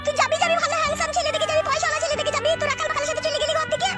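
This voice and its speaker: Someone doing a shrill, nagging cartoon village mother. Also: level tone, loud music behind the voice. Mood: lecturing. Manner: nagging, lecturing rapidly. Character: scolding chatty middle-aged village mother.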